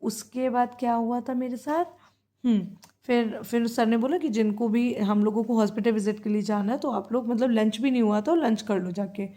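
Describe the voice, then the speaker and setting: A woman's voice: a little high, steady tone, normal speed, warm tone. A young woman in her twenties with an Indian accent, chatting casually in a diary-style vlog and often correcting herself as she goes. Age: 20s. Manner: chatty, self-correcting, mixes in English phrases. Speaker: vlogger. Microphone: handheld phone camera.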